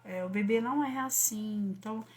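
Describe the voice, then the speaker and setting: A woman with a Brazilian Portuguese accent explaining child-rearing to parents, animated and emphatic, asking rhetorical questions. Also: medium pitch, brisk. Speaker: parenting educator and author.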